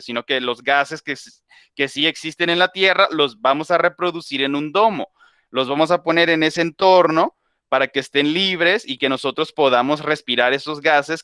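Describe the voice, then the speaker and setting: A man's voice: a little high, pushed and bright, clear, resonant tone, no room sound, studio quality. A man teaching a class, explaining in a loose, conversational way with homely examples and frequent self-corrections.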